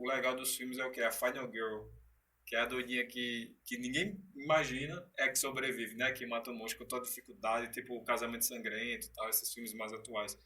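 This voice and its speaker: A man's voice: mid-range voice, pushed and bright. A man being interviewed as a guest actor, telling stories animatedly in casual chat with frequent restarts. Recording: distant from the mic.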